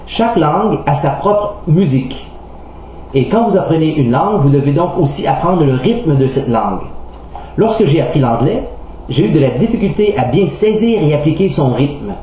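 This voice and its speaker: A man with a Québécois French accent, a native French speaker teaching English pronunciation in a scripted lesson, speaking slowly and carefully. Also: a little high, lively intonation, dark tone. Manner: slow, careful, enunciating word examples. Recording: very echoey room, faint hum.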